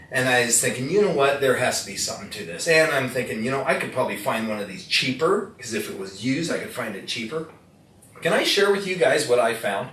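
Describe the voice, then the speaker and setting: A man's voice: medium pitch, a bit bright. A middle-aged man giving a live product demonstration, joking and asking the audience questions as he tells a story. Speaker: product presenter. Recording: echoey room, distant mic, faint noise.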